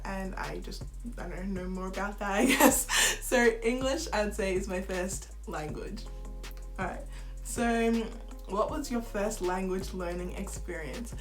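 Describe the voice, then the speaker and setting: A young woman from Zimbabwe, giving a relaxed, chatty bedtime talk as a vlogger, soft-spoken and giggly, at times sinking to a whisper. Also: mid-range voice. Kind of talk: relaxed bedtime chat to camera.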